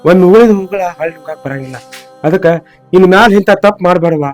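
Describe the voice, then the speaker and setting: A man's voice: sits high, animated, fast talker, soft background music. A man playing a stern old village father-in-law with a North Karnataka accent, scolding and then lecturing. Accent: North Karnataka Kannada. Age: older. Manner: scolding then forgiving, preachy. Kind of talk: village comedy-drama acting.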